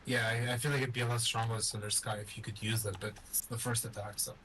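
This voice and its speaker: A man's voice: fairly low pitch, flat delivery, a bit bright, slight background noise. Teasing young man friend. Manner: teasing, slangy, halting. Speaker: friend of the host. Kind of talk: casual teasing chat.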